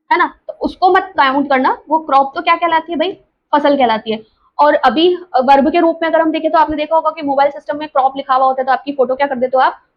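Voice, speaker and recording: A woman's voice: high-pitched, highs cut off. A woman teacher explaining vocabulary in a patient lesson, asking herself questions and adding tag questions as she goes. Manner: asks herself questions, often adds tag questions. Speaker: English teacher. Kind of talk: explaining vocabulary, mixing Hindi and English.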